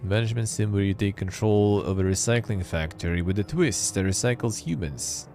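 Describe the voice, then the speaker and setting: A man with a voice on the low side talks a little fast in a slightly mellow tone, with faint music behind him. This streamer and show host chats offhandedly on his live stream, reading text aloud and adding wry asides.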